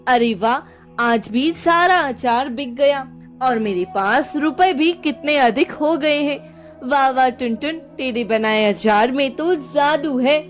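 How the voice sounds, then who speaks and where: A woman's voice: sits high, slow, soft background music. A woman voicing an old village pickle seller who talks in fussy exclamations. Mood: pleased.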